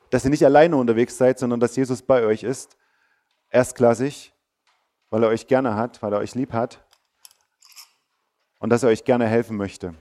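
A man preaching to schoolchildren, telling the story in an animated way, bursting out loud in places and dropping to a soft, quiet voice in others. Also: mid-range voice. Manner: animated storytelling, acting out the disciples with sudden loud outbursts; drops to a soft, quiet voice for reassurance. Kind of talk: lively sermon for schoolchildren.

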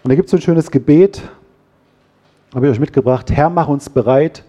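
A man preaching a sermon, lively, acting out quarrels in quoted voices. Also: fairly high pitch, normal speed. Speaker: pastor.

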